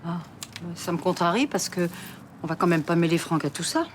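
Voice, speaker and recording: A woman's voice: on the low side, animated, brisk, a little hiss or hum, natural voice. An actress playing a mother who guilt-trips her daughter in a sugary, wheedling way, in a TV soap drama. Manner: cloying, wheedling.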